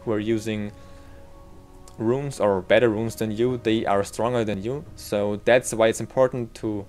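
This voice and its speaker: Low-voiced Austrian man explaining a game. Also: fairly even intonation, measured pace, a little mellow, faint music behind. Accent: Austrian German. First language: German. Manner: rambling, self-correcting, approximate with numbers. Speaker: game tutorial host. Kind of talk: casual screen-recorded game tutorial.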